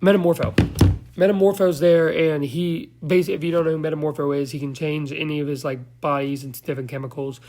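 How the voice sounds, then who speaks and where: Man, fairly high voice, casual rambling movie recap, slangy and profane. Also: fairly even intonation, fast talker, dark tone. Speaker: movie reviewer.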